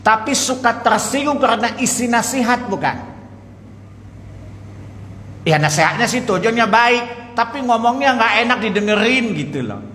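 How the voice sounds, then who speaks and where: A man's voice: very high-pitched, moderate pace, slight background noise. A man preaching a sermon, telling stories with acted-out dialogue and asking his listeners questions. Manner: lively storytelling, asks the audience questions, acts out dialogue. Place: mosque hall. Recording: echoey mosque hall.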